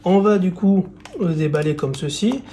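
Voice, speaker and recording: Relaxed, mellow-voiced man reviewing gadgets. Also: sits high, moderate pace, a little hiss or hum. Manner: casual, relaxed, with many fillers. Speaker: tech reviewer. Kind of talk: product presentation and unboxing.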